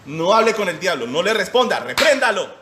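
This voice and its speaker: A man's voice: sits high, big pitch swings, brisk, sharp tone, slight background noise. A man in his forties preaching a short sermon as pastor, emphatic and firing rhetorical questions at his listeners. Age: 40s.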